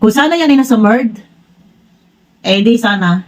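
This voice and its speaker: A woman's voice: animated, measured pace. Blunt, frank woman commentating. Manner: blunt, frank, says she is direct to the point; rambling with many restarts and pitch swings. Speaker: vlogger commenting on online personalities. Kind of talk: casual commentary vlog.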